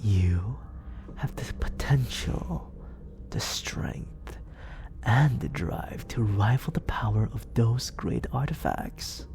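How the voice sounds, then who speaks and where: Close to a studio condenser microphone, a man plays a smooth, scheming villain mentor in an intimate ASMR roleplay, teasing and grandiose but secretly fond. His lowish, darkish voice swings widely in pitch and is heavily acted, breathy and often dropping to whispers. The delivery is theatrical and deliberate, full of silky persuasion.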